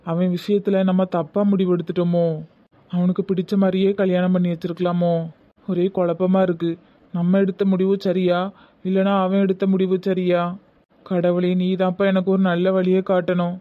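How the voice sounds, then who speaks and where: A man with a Tirunelveli Tamil accent voicing a worried middle-aged village father in a cartoon, talking softly as he questions himself, with a tinny phone-like sound. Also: sits high, completely flat delivery, moderate pace, no echo, close to an everyday voice. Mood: troubled. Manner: soft, brooding self-questioning. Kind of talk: cartoon voice acting.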